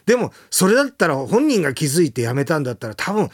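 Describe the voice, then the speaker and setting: A man's voice: fairly high pitch, very animated, fast. A male radio host chatting casually and reading listener mail, telling stories animatedly and chuckling often.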